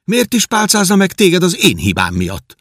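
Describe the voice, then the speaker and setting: A man's voice: high-pitched, wildly swooping pitch, fairly bright tone, dry recording, studio quality, pitched above the performer's own voice, heavily acted. A man voicing a beggar boy posing as a young king, who questions in puzzlement and gives orders grandly. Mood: bewildered.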